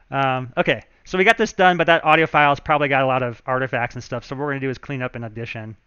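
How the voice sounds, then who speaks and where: A man's voice: on the high side, a bit bright, smooth, no room sound, lo-fi sound. A man, a game developer, chatting casually and thinking aloud as he walks viewers through his work on a live stream.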